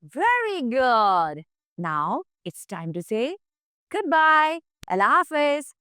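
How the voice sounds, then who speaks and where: A woman's voice: sits high, sing-song, takes it slowly, sharp tone, smooth, dry recording. A woman with a Pakistani accent teaching a children's English phonics lesson in a sing-song, encouraging manner.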